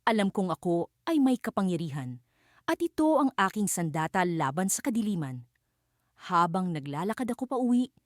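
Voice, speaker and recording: A woman narrating a fantasy storybook in the first person, in an expressive, dramatic way. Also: fairly low pitch, no echo, studio quality.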